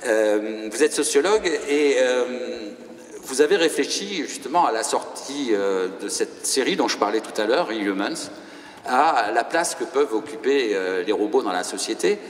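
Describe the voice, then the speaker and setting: A man presents a live panel in a formal but hesitant way, pausing to find words. His medium-pitched voice rings through a hall, with some background noise. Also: lively intonation. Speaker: panel moderator. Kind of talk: live public round-table presenting. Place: hall before an audience.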